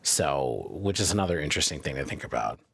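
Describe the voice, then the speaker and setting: A man co-hosting a podcast, chatting casually in a thoughtful, measured way. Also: a bass voice, sing-song, gravelly, a bit bright, husky. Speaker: podcast co-host. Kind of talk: casual chat.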